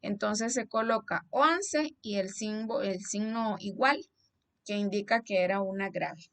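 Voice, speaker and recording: A woman's voice: mid-range voice, unhurried. A young woman teacher with a Costa Rican accent who explains a lesson slide patiently and keeps checking that her students follow. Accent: Costa Rican Spanish. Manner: patient, explanatory, asks "¿verdad?" to check understanding.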